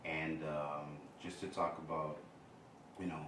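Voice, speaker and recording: A man from Congo introducing himself as an artist, speaking slowly and reflectively with many pauses. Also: very deep voice, flat delivery. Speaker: guest performer. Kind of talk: casual self-introduction. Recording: distant roomy recording with noise.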